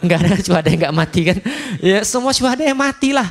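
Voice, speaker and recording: A man with an Indonesian accent preaching a lively, humorous sermon at a study gathering, acting out quotes dramatically. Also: high voice, quick pace, vocal fry. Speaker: Islamic preacher.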